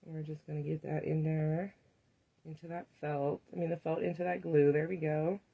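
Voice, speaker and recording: A woman's voice: low-pitched, little pitch movement, moderate pace, creaky, slightly rough, phone-quality sound. A woman hosting a live craft demonstration, chatting to viewers and laughing often as she works. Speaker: craft tutorial host.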